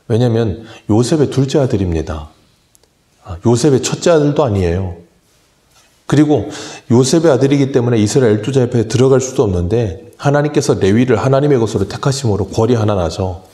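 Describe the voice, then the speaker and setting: Low, mellow-voiced male pastor preaching. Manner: conversational preaching, explaining scripture plainly. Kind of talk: early-morning sermon.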